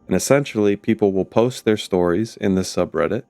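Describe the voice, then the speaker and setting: A man with a voice still rough from being sick, hosting a casual, chatty reaction video with excitable tangents and casual swearing. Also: fairly quick, no echo. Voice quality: deep husky radio-like voice. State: voice rough from recovering from illness. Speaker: YouTube host reading Reddit stories. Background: faint ambient music.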